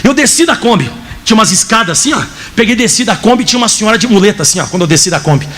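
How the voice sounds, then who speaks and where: A man, a pastor preaching a sermon in church, telling his testimony in an animated way and acting out the dialogue. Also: high voice, very fast, soft background music.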